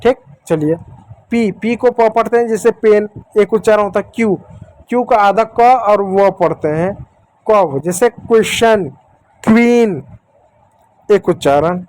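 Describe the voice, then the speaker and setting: A man teaching English letter sounds to children, repeating each sound slowly and patiently and talking to the kids directly. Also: sits high, darkish tone. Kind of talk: explanatory lesson.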